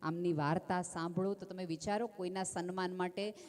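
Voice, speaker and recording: A woman giving a gentle, calm inspirational talk from a stage, telling stories and calling her listeners friends. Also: on the low side, fairly quick. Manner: intimate, addresses listeners as friend. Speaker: speaker at a community religious festival. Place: stage at a large festival gathering. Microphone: stage microphone with PA. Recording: long reverb of a large venue.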